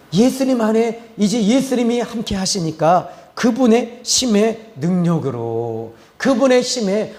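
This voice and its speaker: A man's voice: sits high, darkish tone, roomy sound. A man pastor preaching a sermon as dramatic storytelling, drawing out words for emphasis.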